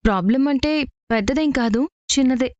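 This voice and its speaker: A woman's voice: sits high, moderate pace, a little mellow, muffled recording, lightly acted. An actress playing an earnest, persistent young married woman who is asking for help. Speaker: actor in a TV serial. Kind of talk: TV serial acting.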